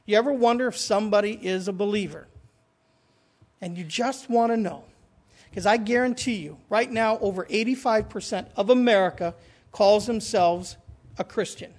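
A man's voice: high-pitched, normal speed, roomy sound. A man preaching a sermon as pastor, asking his congregation questions and answering them himself, speaking into a church microphone. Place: church sanctuary. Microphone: stand microphone, sometimes stepping away.

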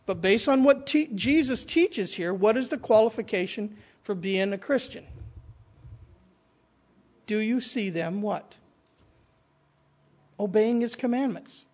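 A man's voice: high voice, a little mellow, echoey room. A man preaching a sermon as pastor, asking his congregation questions and answering them himself, speaking into a church microphone. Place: church sanctuary. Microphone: stand microphone, sometimes stepping away.

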